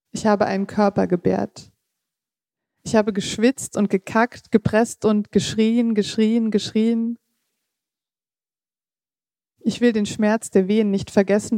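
Mellow-voiced woman reading her prose. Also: medium pitch, no room sound, studio quality. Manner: measured reading with occasional slips and casual asides. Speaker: author reading her own text.

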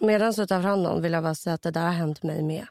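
A woman co-hosting a casual podcast chat, backing up her friend and chiming in with quick agreement. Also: fairly low pitch, darkish tone, no room sound, studio quality. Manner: supportive, chimes in with quick agreement. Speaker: podcast co-host.

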